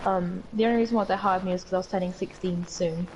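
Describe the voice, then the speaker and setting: A woman's voice: lowish voice, steady tone, fast talker, darkish tone, slight background noise, rough recording. A young woman from the UK with a British accent, co-hosting a podcast and telling rambling stories in casual chat with some swearing. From United Kingdom. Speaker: podcast co-host.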